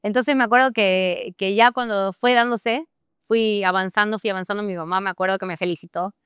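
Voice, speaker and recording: A young Bolivian woman with a Santa Cruz accent, a podcast guest telling a personal story in an animated way and laughing often. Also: mid-range voice, brisk, clear, resonant tone, no echo, studio quality. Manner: animated, laughs often, acts out her own past thoughts. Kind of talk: personal storytelling in a casual interview.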